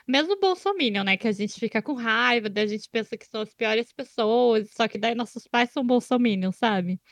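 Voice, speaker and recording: A woman's voice: on the high side, expressive, normal speed, no echo, studio quality. A woman with a Brazilian accent hosting a casual podcast chat. She is chatty and often tags her phrases with questions. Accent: Brazilian Portuguese. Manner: chatty, often ending with "né?" and "sabe?". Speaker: podcast host.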